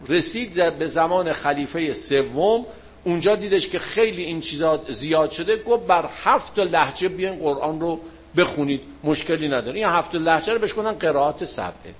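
A man teaching a religion class, answering students' questions in a relaxed, colloquial way and leaning on everyday examples. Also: fairly high pitch. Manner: closes with a chanted-style supplication.

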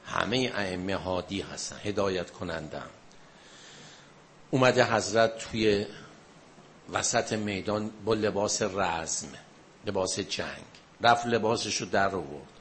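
Man, preacher, mourning sermon, deeper voice, slight hiss behind, builds in fervor. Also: fairly bright tone. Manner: narrates with rising emotional intensity. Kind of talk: mourning sermon retelling a martyrdom story.

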